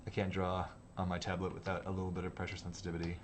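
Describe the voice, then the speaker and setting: A man's voice: deep voice, completely flat delivery, racing, noisy background. A man hosting a livestream, chatting casually while he sketches, rambling and hesitant with sudden laughs. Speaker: livestream host and designer. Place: office studio.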